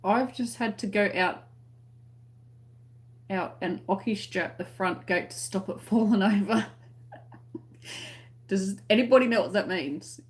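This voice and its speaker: A woman's voice: mid-range voice, measured pace, pauses often. A woman with an Australian accent chatting casually to live-stream viewers in a rambling, conversational way, often trailing off mid-thought. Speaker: crochet tutorial live-stream host.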